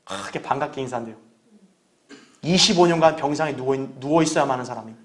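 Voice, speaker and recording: A man's voice: medium pitch, fast. A man preaching a sermon as pastor, earnest and conversational, often asking the congregation rhetorical questions.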